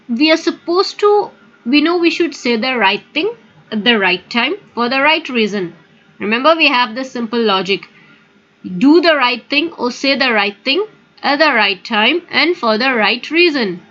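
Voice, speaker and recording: High-voiced Indian English teacher. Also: female voice, pushed and bright, highs cut off. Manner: explanatory, emphatic, often addresses listeners directly. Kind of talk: spoken English lesson.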